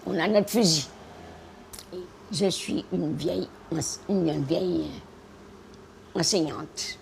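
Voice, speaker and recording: A woman's voice: fairly low pitch, a little hiss or hum. A 100-year-old woman from Guiana, recalling the war in an interview. She stammers and repeats herself, then drives her points home with emphatic exclamations. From French Guiana. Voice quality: gravelly. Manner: halting and repetitive, stammering over words; emphatic, with sound effects and defiant exclamations. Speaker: interviewee, war veteran and retired teacher. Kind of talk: spoken war memories in an interview.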